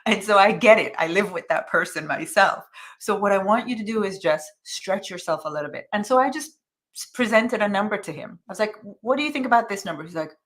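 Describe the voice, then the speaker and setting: On a casual motivational live stream, a woman coach chats upbeat in a medium-pitched, fairly bright voice with lively intonation, speaking fairly quickly. She reads viewer comments aloud by name and keeps urging them with repeated calls to action.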